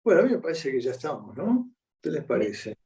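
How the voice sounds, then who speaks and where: A man's voice: mid-range voice, sing-song, fairly quick, mellow, a little hiss or hum. Argentine man lecturing, distant mic. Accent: Rioplatense Spanish. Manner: conversational lecturing, checking in with the audience. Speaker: psychoanalyst giving a lecture. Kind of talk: conference lecture. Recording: voice picked up from a distance.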